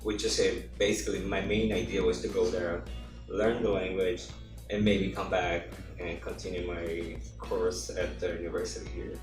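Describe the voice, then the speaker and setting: Man, Portuguese native speaking English, halting delivery, low voice, music behind. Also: level tone. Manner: halting, searching for words in a second language. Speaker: interview guest. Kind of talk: casual conversational interview. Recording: echoey room from far off, music behind.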